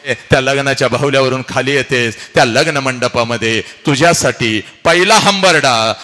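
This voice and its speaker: A man's voice: mid-range voice, normal speed, pushed and bright. A man giving an emotional public lecture, dramatic and repetitive, addressing his listeners directly. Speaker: motivational speaker. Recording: echoey lecture hall.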